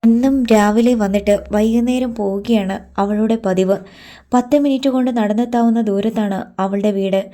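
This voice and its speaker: A woman reads a novel aloud as an audiobook narrator, telling the story in a steady, even way. Her voice is medium in pitch and her pace is moderate.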